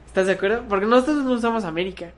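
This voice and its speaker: This podcast co-host, a man with a Mexican accent, talks in a high-pitched, rapid-fire voice. He chats casually, teasing his friend and swearing offhandedly.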